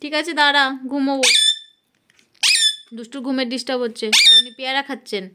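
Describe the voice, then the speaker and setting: A woman at home at night coaxing and gently scolding her pet parrot. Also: high voice, steady tone, fast talker. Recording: loud background noise.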